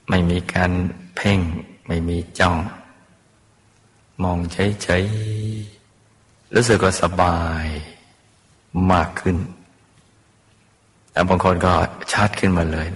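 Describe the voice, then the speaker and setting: A man, a Buddhist teacher, gently guiding a meditation and calling his listeners his children. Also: low-pitched. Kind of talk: guided meditation sermon. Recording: long hall reverb.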